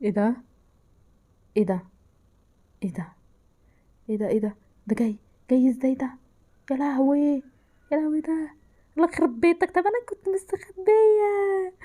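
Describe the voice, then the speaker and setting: A woman with an Egyptian Arabic accent talks through a horror game she is playing. Her voice sits high but has a warm, mellow tone. She sounds frightened and exclaims a lot, often sinking into hushed whispers. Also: fairly quick, long pauses. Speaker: gameplay narrator.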